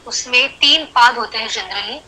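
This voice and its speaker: A woman's voice: on the high side, measured pace, pushed and bright, slightly rough, rough recording. A woman teaching a Sanskrit class online, explaining patiently and counting syllables aloud as she switches between Hindi and English.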